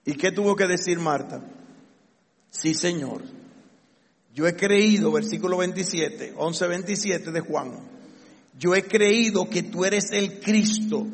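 High-voiced, gravelly man preaching. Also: in a large hall. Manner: animated preaching, acting out quoted voices. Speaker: pastor. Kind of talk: sermon.

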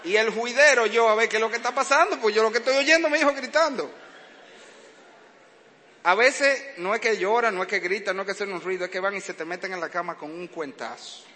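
Preaching with a high, brisk voice that sounds pushed and bright, a father of young children shares humorous anecdotes about parenthood in his sermon. He acts out the noises and cries as he tells them. The audio has long hall reverb and a little background noise.

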